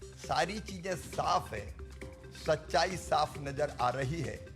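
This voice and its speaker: A man's voice: a little high, takes it slowly, a bit bright, faint music behind. A man, a politician, speaking firmly and insistently. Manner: firm, insistent.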